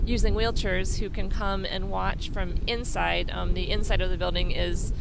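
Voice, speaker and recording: A woman's voice: mid-range voice, fairly even intonation, moderate pace, gravelly. An American woman giving an informal interview as a charity event organizer, speaking outdoors. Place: outdoors by a bay beach. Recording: loud outdoor traffic and ambient noise.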